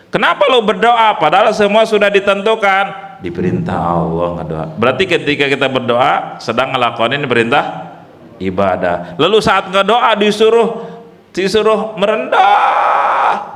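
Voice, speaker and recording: A middle-aged man with a Sundanese accent, teaching an evening religious study sermon, swinging from loud rises to low murmurs and reciting Arabic passages. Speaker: Islamic boarding school teacher.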